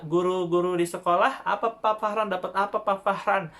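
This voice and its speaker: A young man, a primary school religion teacher, giving a gentle online lesson to young children with frequent questions to the class. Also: high voice, steady tone, a little fast. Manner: gentle, patient, addressing kids directly with frequent rhetorical questions.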